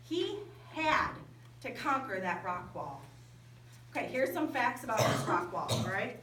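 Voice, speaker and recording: A woman camp speaker telling a story in a lively sermon to young people. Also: a little high, unhurried, slight background noise. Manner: lively, animated storytelling with quoted dialogue. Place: large indoor hall at a winter camp. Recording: echoey hall from far off.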